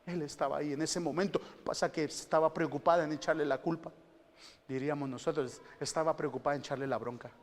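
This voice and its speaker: A man's voice: fairly high pitch, quick pace. Preaching man in an echoing church. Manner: lively, conversational preaching with rhetorical questions; swings from loud exclamations to hushed asides. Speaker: pastor. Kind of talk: sermon. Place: church hall. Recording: long church-hall reverb.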